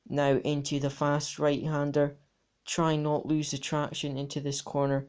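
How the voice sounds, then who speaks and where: Male sim racer, voice-over commentary, matter-of-fact, mid-pitched voice. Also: a little mellow. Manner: matter-of-fact, talks through laps turn by turn. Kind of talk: race replay commentary.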